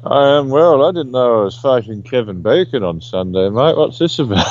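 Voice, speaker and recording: A man's voice: medium pitch, animated, normal speed, a little mellow. A man giving casual commentary as a remote guest analyst, wry and dryly humorous, over a muffled call line. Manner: wry, dry humour, says mate.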